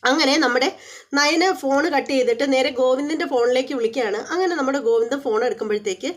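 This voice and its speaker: A young woman host casually retelling a television serial episode, chatty and full of little filler words and quick self-corrections. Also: high-pitched. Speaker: serial review channel host. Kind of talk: casual episode recap storytelling.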